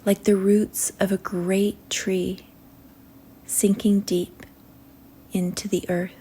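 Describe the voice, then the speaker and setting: A woman leading a guided meditation in a soothing manner, speaking in short phrases with long pauses that trail softly toward a whisper. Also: mid-range voice, level tone, a little hiss or hum.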